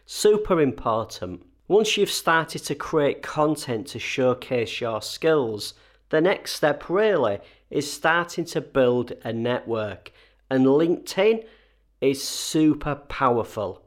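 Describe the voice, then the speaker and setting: A man with a slightly wheezy, chesty voice, getting over a cold, hosting a conversational solo advice episode with emphatic key points. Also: medium pitch. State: recovering from a cold and chest infection. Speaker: host advising freelancers.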